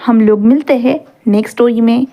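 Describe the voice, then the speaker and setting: High-voiced woman casually narrating a story. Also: a little fast, mellow. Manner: chatty, mixing English words into storytelling.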